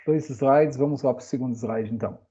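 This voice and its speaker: This is an informal online English grammar lesson led by a chatty man with a Brazilian Portuguese accent who sprinkles in "né?" tag questions. His mid-range voice moves a little fast. The audio is dull, with a noisy background.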